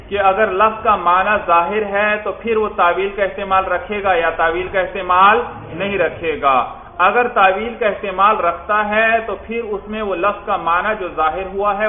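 A man with a fairly high voice teaches a class, asking his students questions and answering them himself as he works through Arabic text. The room is echoey and the recording sounds thin and phone-like. A faint hiss sits underneath. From Pakistan. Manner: reads Arabic text aloud then explains it. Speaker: teacher of Islamic jurisprudence. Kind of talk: classroom lecture.

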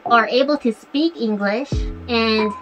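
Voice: medium pitch, takes it slowly. A vlogger talking through a costume head, giving earnest, encouraging advice to viewers. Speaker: fursuit vlogger. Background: background music.

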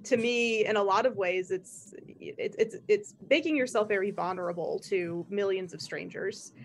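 A woman's voice: medium pitch, normal speed, a little hiss or hum. A woman hosting a podcast, chatting casually, rambling with frequent laughs and restarts. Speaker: podcast host. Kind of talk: casual chat.

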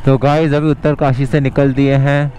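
With a mid-range, dark voice that barely moves in pitch, a man in his thirties chats at normal speed to his viewers as friends. He's riding a motorbike on an outdoor mountain road for a casual travel vlog, recorded on an action camera on the bike and at arm's length, with slight background noise.

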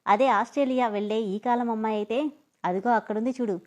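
A woman's voice: on the high side, a little fast, a little mellow, lightly acted. A woman reading a story aloud, voicing a bossy young man who mocks and teases. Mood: mocking. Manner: mocking and domineering.

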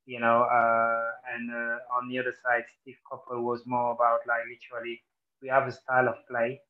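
A former footballer from Senegal talks through his career in a relaxed interview, his pitch staying fairly level. He fills his sentences with "literally" and "you know" as he goes. The recording sounds a little dull and lo-fi. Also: normal speed. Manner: animated when quoting, repeats "literally" and "you know". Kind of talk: casual interview chat.

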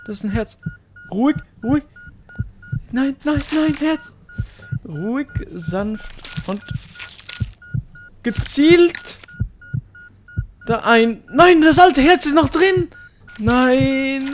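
A young man's let's-play commentary, high-pitched and full of big leaps in pitch. He talks in a frantic rush, yelling and pleading at the game. Faint music plays under his voice. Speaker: gaming YouTuber.

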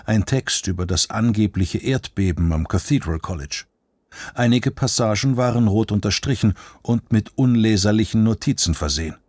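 A man narrating an audiobook in a steady, measured storytelling manner. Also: on the low side, dry recording.

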